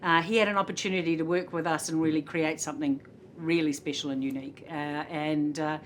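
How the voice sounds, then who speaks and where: A middle-aged woman with a New Zealand accent talks casually as a hotel executive guest in an interview. Her voice sits a little low, and she laughs often, scattering uhs between her thoughts. A faint rumble runs underneath. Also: steady tone, brisk. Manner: chatty, laughs often, many filler uhs.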